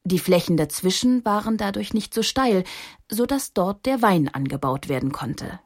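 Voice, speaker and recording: A woman narrating a children's story in a calm, measured storytelling voice. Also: medium pitch, dry recording, clean studio sound. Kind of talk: storytelling read aloud.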